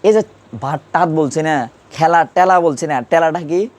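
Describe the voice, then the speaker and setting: In this classroom lesson, an Urdu grammar teacher speaks in an unhurried, slightly high voice. He keeps asking his students questions over and over to test them on grammar.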